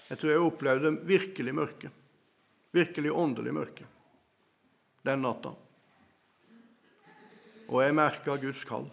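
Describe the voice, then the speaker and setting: A man preaching his own testimony as a sermon, telling it dramatically and swinging between loud passages and hushed ones. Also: on the high side, creaky.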